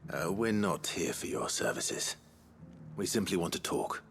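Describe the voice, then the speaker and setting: A man's voice: animated, measured pace, slight background noise, full character voice. An actor playing a stern, guarded young male swordsman in a video game, talking in a terse, dry way. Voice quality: deep gravelly voice. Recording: game audio with soft music behind.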